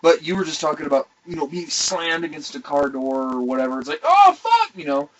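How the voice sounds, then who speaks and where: High-voiced young man rambling a crude story. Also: flat delivery, quick pace, low-quality recording. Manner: rambling, laughing, profane. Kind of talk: casual storytelling among friends.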